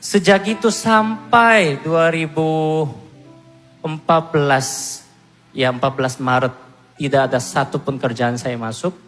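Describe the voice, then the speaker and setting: A man from Korea giving a personal testimony to a church congregation, telling his story in an animated, self-mocking way. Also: fairly high pitch, measured pace, big-room sound, soft background music. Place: church hall.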